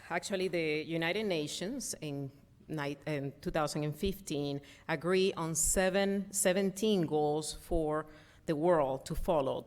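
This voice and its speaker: Low-voiced woman giving a talk. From Venezuela. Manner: earnest, frequent ums and uhs, restarts. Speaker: conference speaker. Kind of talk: prepared conference talk.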